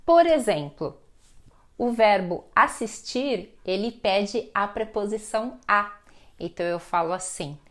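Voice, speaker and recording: A woman's voice: mid-range voice, bright, forceful tone. A woman teaching a grammar lesson online, explaining patiently and often checking in with "né?". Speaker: Portuguese teacher.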